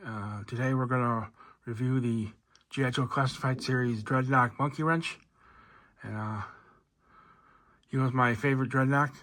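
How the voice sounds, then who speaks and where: A man casually reviewing an action figure, relaxed and rambling with lots of fillers and restarts. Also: medium pitch, normal speed, pauses often, no echo. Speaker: toy reviewer.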